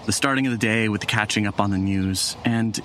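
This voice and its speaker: An interviewee recalling their past in a hesitant, halting way, their voice pitch-shifted deeper to disguise their identity. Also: a little hiss or hum. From California. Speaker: former newspaper journalist interviewee. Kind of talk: reflective interview recollection. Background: loud music bed.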